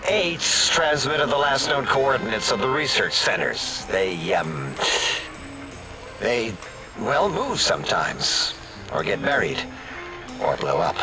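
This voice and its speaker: An actor playing an insecure, sardonic robot scientist in a video game, with a flippant, halting, awkward delivery. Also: male voice, mid-range voice, sing-song, low-quality recording. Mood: awkward, defensive. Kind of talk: comic video game voice acting. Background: music.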